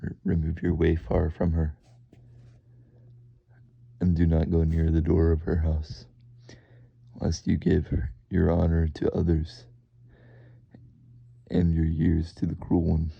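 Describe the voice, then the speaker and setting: A man reading scripture aloud in a deadpan monotone, halting and sometimes stumbling over his words. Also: a bass voice, gravelly, slightly rough, dry recording, muffled recording. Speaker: reader.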